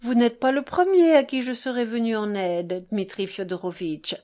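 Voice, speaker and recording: A woman reading an audiobook, voicing an excitable, domineering middle-aged society lady who talks over everyone. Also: normal speed, natural voice. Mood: gushing. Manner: high, breathless, talks over others.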